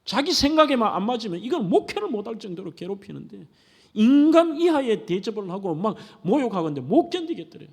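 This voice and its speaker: A man's voice: high voice, very animated, fairly quick, husky. A middle-aged man, a pastor preaching a sermon in a church, speaking earnestly and putting questions to his congregation. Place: church sanctuary. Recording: long church-hall reverb.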